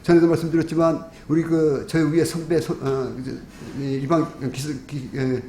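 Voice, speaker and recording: Korean pastor preaching in an echoey church. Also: male voice, fairly high pitch, flat delivery, moderate pace, dark tone, a little hiss or hum. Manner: storytelling with quoted dialogue, rising to fervent preaching. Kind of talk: evangelistic sermon. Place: church sanctuary. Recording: echoey church room with faint ambience.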